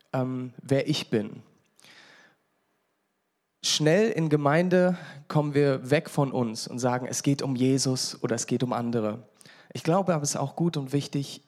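A man's voice: fairly high pitch, a little mellow. A pastor in his thirties from England giving a conversational sermon, joking with the congregation now and then. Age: 30s.

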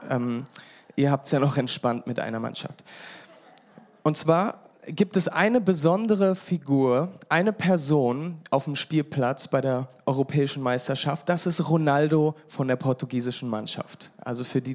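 A man's voice: fairly high pitch, darkish tone. Chatty man in his thirties preaching. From England. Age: 30s. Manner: conversational and chatty, joking with the congregation. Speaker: pastor. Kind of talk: sermon.

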